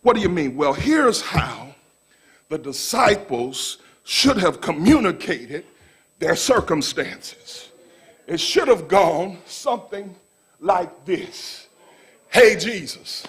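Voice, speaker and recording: A middle-aged man preaching a call-and-response sermon in a church, repeating phrases and shouting for emphasis. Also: high voice, sing-song, slow pace, slightly rough. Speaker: pastor. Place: church sanctuary.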